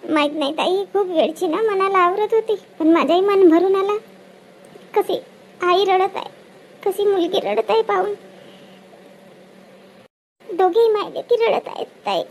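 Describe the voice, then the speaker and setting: A woman, acting a chatty village woman at a wedding in a comedy skit, brisk and bossy, tagging her lines with questioning hums. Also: very high-pitched, a little hiss or hum. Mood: fussing.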